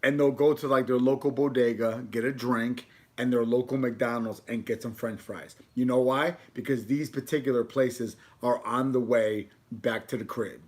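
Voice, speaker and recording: A man's voice: medium pitch, steady tone, moderate pace, darkish tone. A man chatting informally on a food livestream, rambling along with casual slang. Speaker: food video creator.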